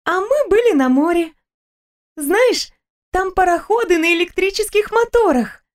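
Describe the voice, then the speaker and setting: A woman voicing a cheerful, chatty young fairy-tale princess in an audiobook, with a high, eager voice. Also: expressive, a little slow.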